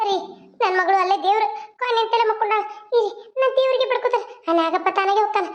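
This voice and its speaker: A woman's voice: quick pace, reverberant, muffled recording. A woman with a North Karnataka Kannada accent voicing an anxious young village mother in a home-made cartoon, fussing and pleading. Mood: frantic. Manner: fussing, pleading, high-pitched cries.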